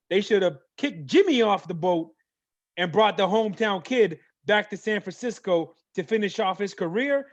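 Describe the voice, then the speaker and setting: Sports show host, high-pitched man, playful and hyped, dry dull lo-fi sound. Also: dry recording. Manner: animated, playful, hype. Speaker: host of a mock draft show. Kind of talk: casual sports talk.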